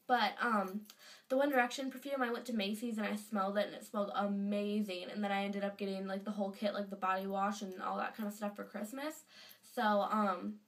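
In a bedroom fan vlog, a teenage girl with a cold-blocked nose chats and gushes with many fillers. Her mid-range voice has fairly even intonation and a slightly quick pace, recorded from a distance by a webcam at her desk.

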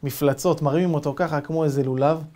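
A rabbi telling a dramatic story in an animated, lively way as a sermon. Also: male voice, a little high.

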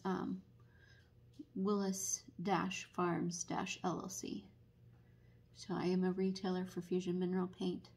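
A woman teaching barn quilt painting at a table in a casual, unhurried tutorial full of ums. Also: fairly low pitch, gravelly, slightly rough. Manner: unhurried, many ums, explanatory. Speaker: painting instructor and paint retailer.

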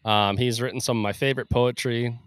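A podcast co-host chats casually, rambling with lots of fillers and laughing often. His medium-pitched voice is steady, a little fast and a bit bright, captured as clean studio sound with no echo.

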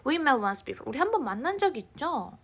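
In a casual online lecture, a young woman teaches English grammar, chatting informally, reading example sentences slowly, and sometimes sinking almost to a whisper. Her voice is high, very animated, and a little bright.

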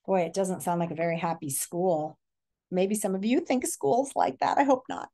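In an indoor living room, a middle-aged American woman reads a picture book aloud expressively, stopping like a teacher to ask young listeners questions. Her lowish voice is mellow with lively intonation.

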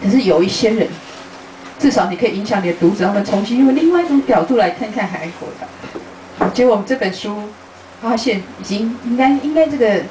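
Woman, middle-aged, travel author at a book talk, animated storyteller, distant mic, roomy echo. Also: medium pitch, brisk. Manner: lively storyteller who acts out conversations, laughing often. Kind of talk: live talk to an audience. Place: bookstore event room. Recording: roomy, distant, faint hiss.

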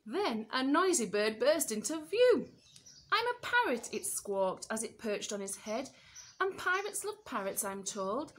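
A female teacher reads a picture book aloud to small children, expressively, stopping to ask them questions. Her high voice swoops up and down a great deal, and she takes the story at an unhurried pace.

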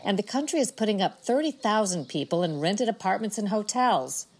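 A woman reporter narrating a news report in a measured, matter-of-fact way. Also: medium pitch, animated, slight background noise.

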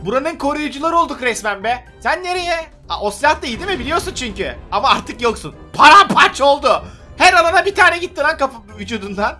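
A young-sounding man with a high, bright voice rattles off lively gameplay commentary, full of excitable teasing and trash talk. He speaks from a desk setup indoors, with faint music running underneath. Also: fast, hardly any pauses. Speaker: gaming YouTuber. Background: faint background music.

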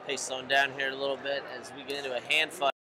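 A man giving steady play-by-play commentary on a wrestling match in a large indoor hall. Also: medium pitch, quick pace. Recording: arena noise behind. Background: crowd and arena noise.

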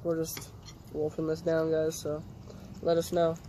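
A woman's voice: low-pitched, completely flat delivery, a little slow, warm tone, a little hiss or hum. A woman chatting over a meal outdoors, talking about cooking and laughing often. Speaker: home cook guest. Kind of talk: casual chat.

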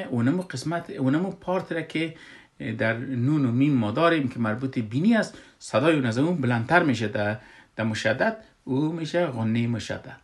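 Afghan Dari man teaching recitation rules. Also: medium pitch. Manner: patient, step-by-step, often pausing with fillers. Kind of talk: classroom explanation.

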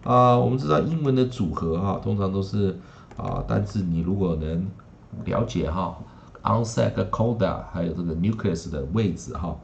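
A man teaching English phonics in Taiwanese-accented Mandarin, with chatty asides and drilling each word slowly three times. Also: low voice, gravelly, a little hiss or hum. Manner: chatty asides with tag particles. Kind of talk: recorded phonics lesson. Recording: slightly dull lo-fi recording.

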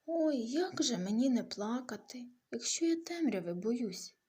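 A woman voicing a small, frightened young male hare in a bedtime story, high and plaintive. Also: expressive, unhurried, warm tone, husky.

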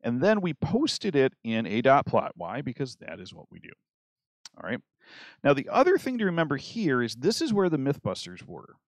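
A man's voice: medium pitch, huge pitch swings, normal speed, no room sound. Casual man teaching a stats lesson. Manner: conversational, restarts mid-sentence, checks in with "okay?". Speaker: math teacher.

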